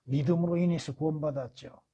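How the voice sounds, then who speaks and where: A man's voice: on the high side, fairly even intonation, fast talker, mellow, breathy edge, highs cut off. A man preaching at a church Bible study as pastor, putting rhetorical questions to the congregation and answering them, with emphatic repetition.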